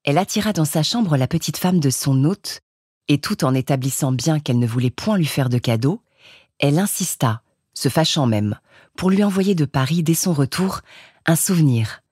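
A woman reading a classic novel aloud as an audiobook narrator, in a measured, expressive way. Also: low voice, breathy edge, no echo, clean studio sound. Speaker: audiobook reader.

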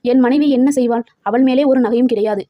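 A man's voice: extremely high pitch, steady tone, a little fast, no room sound, lo-fi sound. A woman voicing a poor, feverish male cart driver giving an anguished, earnest account.

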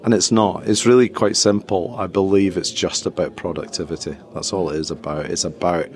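Speaking as an interview guest on a relaxed podcast, this tech CEO from Scotland is middle-aged and explains things in a conversational way. He sits low in pitch, with a steady, brisk delivery and a darkish tone.

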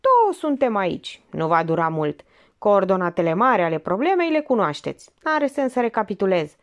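A woman reading the part of a shrewd, calm female police investigator who explains in a measured way. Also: medium pitch, lo-fi sound. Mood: explaining.

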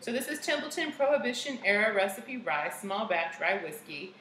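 A woman's voice: medium pitch, big pitch swings, moderate pace, sharp tone, reverberant, a little hiss or hum, low-quality recording. A bubbly, giggly woman co-hosting a casual whiskey tasting chat in a bar's party room. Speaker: co-host.

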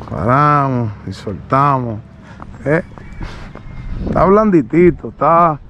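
A male horse trainer outdoors on a road, explaining his method while calmly coaxing a young horse with short soothing commands. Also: fairly high pitch, creaky.

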